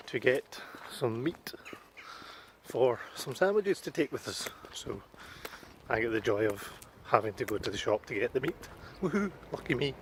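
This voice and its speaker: A man's voice: mid-range voice, background noise. Chatty west coast Scottish man vlogging. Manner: self-deprecating, chatty. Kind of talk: casual vlog to camera. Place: outdoors on town streets.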